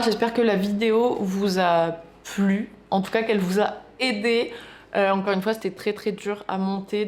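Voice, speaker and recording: A woman's voice: medium pitch, darkish tone. A young woman vlogging at home, talking casually and candidly in slangy speech, openly irritated. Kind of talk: casual confessional vlog.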